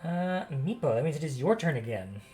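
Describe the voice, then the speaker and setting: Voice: mid-range voice, big pitch swings, a little fast, mellow, faint music behind. A game master running a tabletop game, upbeat and guiding players through their turns.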